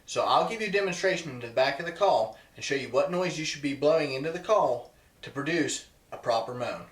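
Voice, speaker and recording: Fairly high-pitched and expressive, this man talks briskly as he presents an instructional video on goose calling, stressing and repeating the key points for viewers. The audio sounds echoey and roomy.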